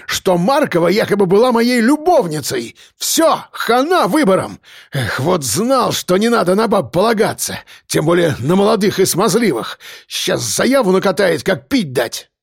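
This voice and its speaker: A man's voice: high voice, creaky, slightly rough, no room sound, studio quality, voice pushed up, full character voice. A man voicing a furious, foul-mouthed middle-aged male mayor who bellows and bullies. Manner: bellowing, cursing, bullying.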